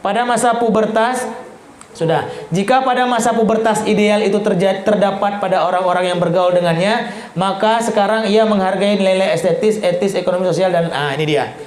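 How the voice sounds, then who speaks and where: A man giving an Islamic parenting talk, acting out quick exchanges between parents and teens with lively jumps in pitch. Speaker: parenting lecturer. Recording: echoey hall with faint noise.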